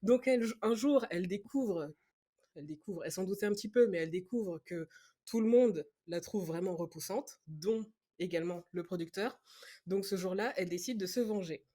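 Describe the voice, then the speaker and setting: A woman's voice: lowish voice, normal speed, warm tone. A woman co-hosting a podcast, chatting casually with friends and laughing often as she explains her pick. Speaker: podcast co-host presenting a film pick. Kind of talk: casual chat among friends. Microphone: online call setup.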